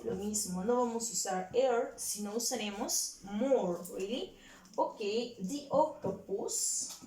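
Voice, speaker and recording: Woman English teacher, unhurried bilingual lesson style, slight hiss behind, roomy sound. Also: on the high side, darkish tone, far from the mic. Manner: slow and deliberate, repeating words and switching between English and Spanish. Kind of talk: bilingual classroom lesson for children.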